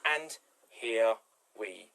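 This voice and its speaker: A man's voice: on the low side, animated, drawn-out words, creaky, fairly bright tone. A man casually hosting a comedic improv game show and explaining the games.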